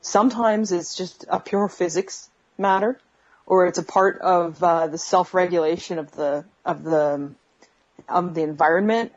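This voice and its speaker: Woman interview guest, low voice, calling in from her bedroom over a breaking-up phone connection with dull lo-fi sound, hesitant with many fillers. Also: steady tone, a little slow. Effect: bad connection on a phone video call, breaking up. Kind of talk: answering questions in an interview. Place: bedroom at home. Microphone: video call app on a phone. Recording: lo-fi phone call audio.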